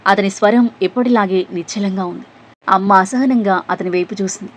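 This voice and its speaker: A woman narrates an emotional serialized story with a breathy, airy tone. She carries the plot along and slips into the characters' lines as she goes. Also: medium pitch, brisk. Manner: voices the characters' quoted lines herself.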